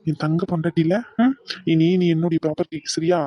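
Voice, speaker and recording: A woman doing a soft-spoken young groom. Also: low voice, level tone, a little fast, dry recording, lo-fi sound, voice pushed down. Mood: tender. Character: young male bridegroom, gentle and doting.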